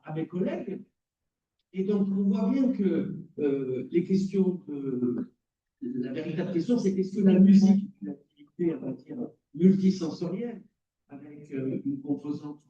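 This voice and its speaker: Distant, high-pitched male lecturer. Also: warm tone. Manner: explanatory, quizzes the audience. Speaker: lecturer in cognitive psychology. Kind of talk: conference talk. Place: lecture hall. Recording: roomy, distant, dull.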